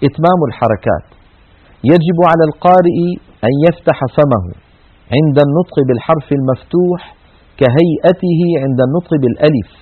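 A man gives a broadcast tajweed lesson, explaining carefully and stretching out sounds to demonstrate them. His delivery is quick and his voice somewhat husky and a little high. The audio is thin and tinny, like a phone line. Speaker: Quran recitation teacher.

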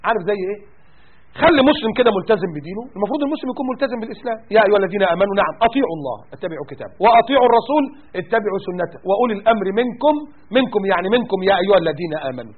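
An Egyptian man preaching a sermon, high-pitched and quick, with a husky edge to his voice. He talks in an animated, mocking way and keeps throwing out rhetorical questions. The recording is tinny and phone-like. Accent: Egyptian Arabic.

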